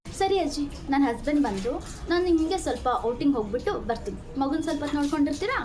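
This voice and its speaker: A woman's voice: high-pitched, animated, racing, dark tone. A young woman playing a new mother in a comedy sketch, talking casually and complaining in a pleading way.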